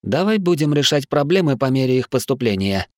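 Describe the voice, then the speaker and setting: A man voicing Lars, a Dutch man who pleads with and calmly reasons with a friend. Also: mid-range voice, a little fast, no room sound, clean studio sound, voice pushed up, close to an everyday voice. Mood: coaxing.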